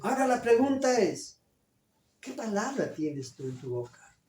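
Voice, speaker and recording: Pastor mayor predicando con eco de iglesia. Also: male voice, extremely high pitch, very animated, a little slow, a little mellow. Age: older. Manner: emphatic preaching, asks the congregation questions. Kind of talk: sermon. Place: church hall. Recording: roomy church hall echo.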